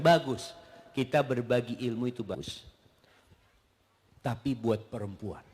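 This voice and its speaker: A man preaching to a congregation, animated and sprinkling Arabic religious phrases, sometimes acting out husbands and wives. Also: medium pitch. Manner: animated, acts out husbands and wives in quick voices. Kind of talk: sermon with questions and answers.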